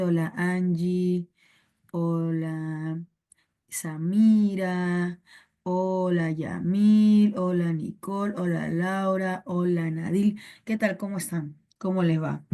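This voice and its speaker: A woman's voice: fairly low pitch, warm tone. A young adult woman teacher with a Peruvian Spanish accent giving a live online class, repeating words and synonyms over and over. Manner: repetitive, drills synonyms.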